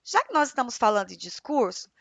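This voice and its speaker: A young woman teacher with a Brazilian Portuguese accent explains a school lesson to children in an expressive way, often ending phrases with a questioning "né?". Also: on the high side, fast, dry recording. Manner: expressive, frequent "né?" tag questions.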